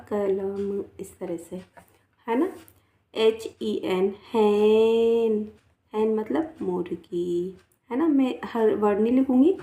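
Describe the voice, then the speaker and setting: A woman's voice: mid-range voice, vocal fry, mellow, reverberant. A woman teacher with a Rajasthan Hindi accent, giving a children's phonics lesson. She spells each word out letter by letter, repeats it, and coaxes her pupils along. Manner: slow, spells words letter by letter and repeats them; coaxing, often adds 'है ना' and 'बेटा'.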